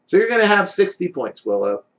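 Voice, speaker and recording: A man narrating a casual tabletop game as game master, expressive and conversational. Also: high-pitched, brisk.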